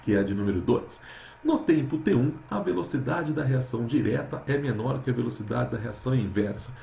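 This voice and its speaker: A man's voice: mid-range voice, animated, a little fast, gravelly, dark tone, roomy sound, slight background noise. A man teaching chemistry with a Brazilian Portuguese accent, working through exercises and repeating key words, calling his students "meus amores". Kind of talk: recorded lesson solving exercises.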